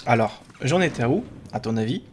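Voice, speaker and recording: A man's voice: mid-range voice, lively intonation, fairly quick, husky. A man hosting a gaming video with casual, chatty commentary, often talking to himself.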